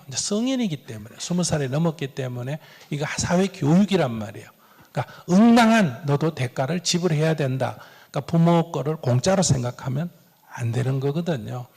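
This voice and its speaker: A man's voice: a little high, fairly quick. A man giving Buddhist advice in a question-and-answer talk, acting out dialogue with chuckles. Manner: lively, acts out dialogue, chuckles. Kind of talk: sermon-like Q&A advice. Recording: long hall reverb.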